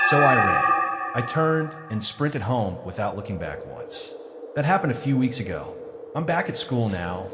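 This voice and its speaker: A man narrates a scripted first-person horror story in a dramatic, suspenseful way with deliberate pauses. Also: fairly low pitch.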